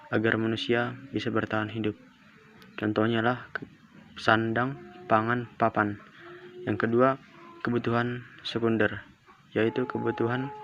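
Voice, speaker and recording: A teenage boy, a student, reading a homework assignment aloud as a steady list of definitions and examples. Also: medium pitch. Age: mid-teens. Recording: dull lo-fi audio with clear background noise.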